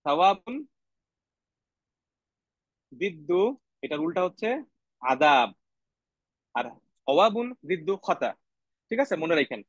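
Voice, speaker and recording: A man's voice: high-pitched, dry recording. A man teaching a Quranic Arabic grammar lesson. He explains each word step by step, repeats key terms and often checks with the class.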